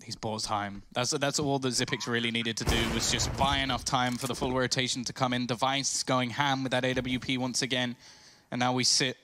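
A man's voice: medium pitch, flat delivery, normal speed, bright, forceful tone. A man working as an esports caster, giving live play-by-play commentary in a running present-tense narration. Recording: clear game noise behind voice.

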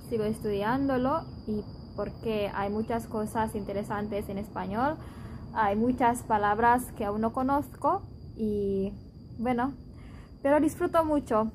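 A woman in her twenties from Indonesia, a Spanish teacher, answering interview questions thoughtfully in her learned Spanish with pauses. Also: on the high side, noisy background. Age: 20s.

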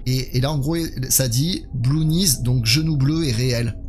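A man's voice: mid-range voice, measured pace, darkish tone. Chatty male horror-game streamer over music. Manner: chatty, talks to his audience. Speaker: livestreamer. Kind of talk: live horror game commentary, chatting with viewers. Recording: music playing behind the voice.

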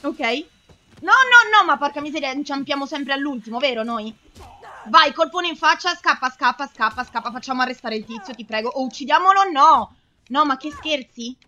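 A young woman giving anxious, excitable commentary while playing a game, pleading and exclaiming as she goes. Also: sits high, a little fast. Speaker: let's play host.

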